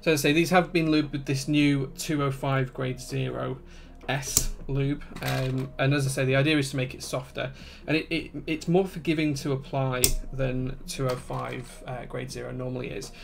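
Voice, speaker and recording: A man with a broad Yorkshire accent chatting casually as he hosts a livestream, relaxed and conversational. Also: medium pitch, moderate pace, creaky, hardly any pauses, noisy background. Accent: broad Yorkshire English. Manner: relaxed, conversational, reading out chat comments. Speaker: livestream host and keyboard builder.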